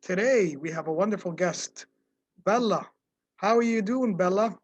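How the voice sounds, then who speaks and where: Friendly man hosting, slightly high voice. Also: moderate pace, no room sound, highs cut off. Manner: friendly, hesitant, many fillers and repeats. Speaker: podcast host. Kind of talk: casual interview hosting.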